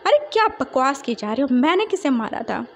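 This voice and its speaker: A woman's voice: high-pitched, sing-song, fairly quick, a little hiss or hum. A woman voicing a stern, impatient male police officer who scolds and snaps in exasperation. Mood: angry. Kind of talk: fan fiction storytelling.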